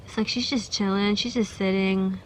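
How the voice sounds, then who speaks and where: A woman's voice: mid-range voice, fairly even intonation, normal speed, a little hiss or hum. A young woman giving a casual pick-a-card tarot reading, chatty and giggly, with many fillers and restarts. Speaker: tarot reader.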